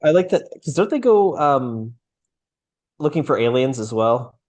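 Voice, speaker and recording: Man, co-host, casual chat, relaxed, agreeable, mid pitch. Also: unhurried. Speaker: podcast co-host. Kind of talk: casual chat about anime.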